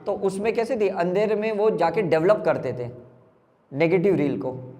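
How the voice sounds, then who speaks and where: A man's voice: high-pitched, moderate pace, mellow, in a large hall, dull audio. A man from India, a spiritual healer, giving an emphatic motivational talk and firing rhetorical questions at a live audience.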